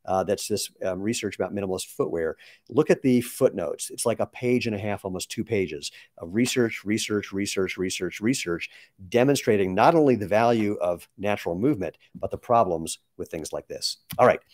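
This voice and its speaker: A man's voice: lowish voice, moderate pace, a little mellow, dry recording. A man in his sixties chatting casually on a live question-and-answer stream, explaining with asides. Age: 60s. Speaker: company founder answering viewer questions.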